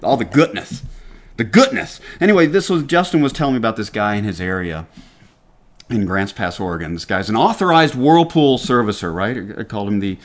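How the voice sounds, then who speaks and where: A man's voice: fairly low pitch, very animated, fairly quick. A middle-aged man from Georgia with a Southern accent, hosting a casual radio talk show and lecturing emphatically, with frequent restarts. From Atlanta, Georgia, US. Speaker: podcast host.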